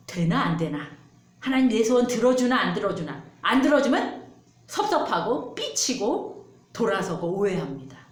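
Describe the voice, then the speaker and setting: A woman pastor preaching a sermon in an animated, emphatic way. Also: fairly high pitch, roomy sound.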